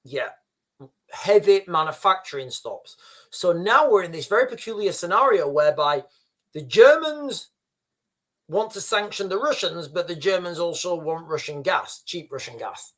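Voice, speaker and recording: A man's voice: high voice, expressive, moderate pace, fairly bright tone. Rambling man livestreaming. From Yorkshire, England. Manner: rambling, repeats and restarts phrases, often addresses viewers as "guys". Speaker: livestream host reading viewer comments. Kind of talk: casual livestream commentary.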